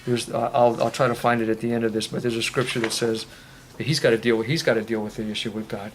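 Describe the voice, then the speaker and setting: A man's voice: medium pitch, steady tone, quick pace, slight background noise. A man earnestly answering audience questions at a faith-based recovery meeting, talking in a rambling way with many restarts. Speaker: recovery ministry speaker. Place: meeting room.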